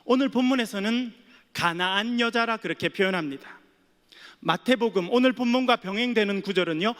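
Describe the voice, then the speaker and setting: Preaching in a seminary chapel, a male pastor from South Korea's Geoje island tells funny stories and teases the audience with playful jokes. His voice is high and fairly bright, and the chapel adds a long reverb.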